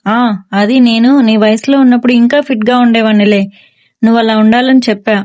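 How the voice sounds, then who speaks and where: A woman voicing a stern, middle-aged police officer father who scolds and shouts orders at his son, in a storybook reading. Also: on the high side, steady tone, a little fast, lightly acted. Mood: coaxing.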